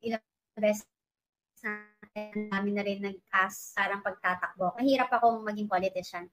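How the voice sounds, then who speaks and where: A woman's voice: mid-range voice, fairly even intonation, normal speed, music in the background, low-quality recording. A middle-aged woman from the Philippines, speaking as a guest in an emphatic, outspoken way. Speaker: guest commentator. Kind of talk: casual political chat.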